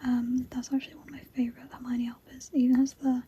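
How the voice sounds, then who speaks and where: A woman whispering through a chatty, unhurried ASMR video as its creator. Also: high-pitched, monotone, dark tone, breathy edge, lo-fi sound.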